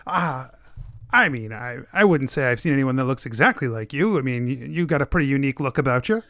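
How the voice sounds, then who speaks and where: A man's voice: mid-range voice, animated, a little fast, a bit bright, no room sound, clean studio sound, voice pushed down. A man voicing a friendly female village trader in a tabletop game, informal and hesitant. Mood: casual.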